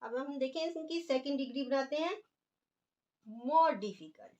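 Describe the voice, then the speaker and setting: A woman's voice: high-pitched, lively intonation, unhurried, warm tone, muffled recording. A woman teaching an English grammar lesson, explaining patiently and stretching out example words as she writes them.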